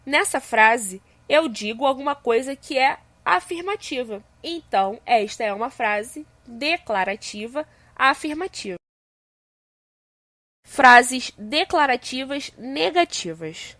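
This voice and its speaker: A woman teacher, explaining a recorded primary school lesson slowly and clearly. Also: sits high, expressive, fairly bright tone, no room sound. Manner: slow, clear, explanatory delivery.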